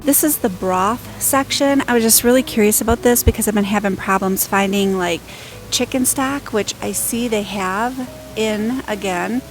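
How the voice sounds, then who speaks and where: A woman's voice: medium pitch, normal speed, soft background music, low-quality recording. A woman narrating a casual shopping and cooking vlog in a chatty, upbeat way, thinking aloud as she goes. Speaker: home cook and shopping vlogger.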